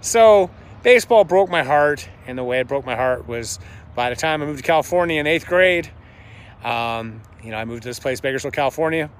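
A man's voice: medium pitch, animated, brisk. A man in his fifties from Georgia in the US, telling a story to a handheld camera outdoors in front of his house, in a rambling, chatty way full of fillers and self-corrections. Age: 50s. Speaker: vlogger. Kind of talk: casual first-person storytelling to camera. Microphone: handheld camera held by the speaker. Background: faint street and construction noise.

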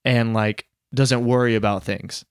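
Smooth-voiced young man chatting casually. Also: medium pitch, a little slow, no room sound, studio quality. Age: young adult. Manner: relaxed, rambling explanations with fillers. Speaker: podcast co-host. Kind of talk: casual chat.

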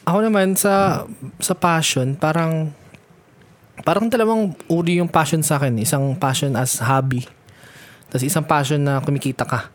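A man's voice: a little high, fairly even intonation, normal speed. A man co-hosting a casual podcast, joking and swearing freely and laughing often. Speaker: podcast co-host.

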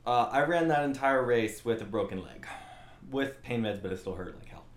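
A young man spins a long personal story for his channel, rambling and poking fun at himself as he goes. His voice sits at an ordinary middle pitch, and the room around him adds a noticeable echo. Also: normal speed. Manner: rambling, animated, self-mocking, acts out quotes. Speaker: channel host. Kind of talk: casual storytelling monologue. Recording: roomy echo.

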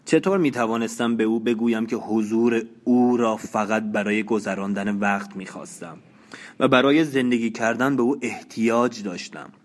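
A man reading a novel aloud as an audiobook, in slow, measured, even narration. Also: lowish voice. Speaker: audiobook reader.

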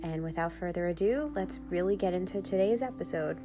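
Young woman podcast host, Long Island accent, casual and rambling, slightly low voice. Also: brisk, music in the background. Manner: chatty, lots of fillers like "um" and "like".

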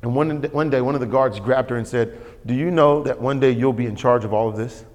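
A pastor with a mid-range, darkish voice preaches briskly in a church sanctuary. His sermon is emphatic and repetitive, and he calls for responses from the congregation. Long hall reverb fills the recording.

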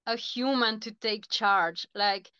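A woman's voice: on the high side, slow pace, clean tone, no echo, highs cut off. A woman from Chile, a dog trainer co-hosting a podcast in casual chat, who animatedly voices what dogs think. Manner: animated, acts out dogs' thoughts in asides.

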